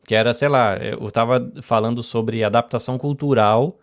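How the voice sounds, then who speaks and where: A man's voice: medium pitch, fairly even intonation, normal speed. A man with a Brazilian accent hosting a podcast, telling stories in a rambling, self-correcting way. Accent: Brazilian Portuguese. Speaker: podcast host. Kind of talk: casual interview chat.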